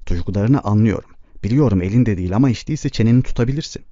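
A man's voice: lowish voice, very fast, mellow, no room sound, lightly acted. A man voicing a worn, firm mother of a poor family, stern and soothing by turns. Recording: dull lo-fi dry recording.

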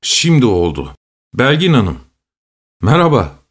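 A man's voice: mid-range voice, wildly swooping pitch, slightly rough, exaggerated voice. A man doing a hesitant absent-minded inventor. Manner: hesitant, halting, flustered.

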